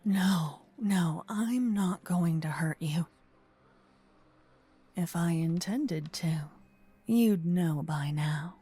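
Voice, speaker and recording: Speaking in an exaggerated, lowish voice, a woman plays a gentle, possessive vampire kidnapper who calls herself a protector in ASMR roleplay, close to a binaural mic moving ear to ear. She is soft, breathy and often whispering, her slow, intimate delivery urgent and earnest, punctuated by dramatic pauses.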